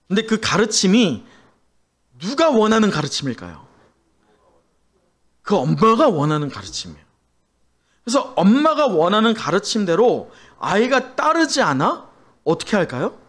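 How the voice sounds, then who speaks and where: Animated high-voiced male pastor preaching. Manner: animated preaching with questions to the congregation. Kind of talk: sermon.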